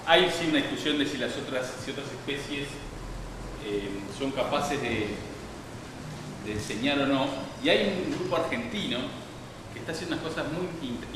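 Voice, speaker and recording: A man gives a public science lecture, wandering through his points with frequent restarts and fillers. He sounds distant from the microphone in a very echoey hall. A steady noise sits behind his voice. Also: mid-range voice. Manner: digressive, many restarts and fillers.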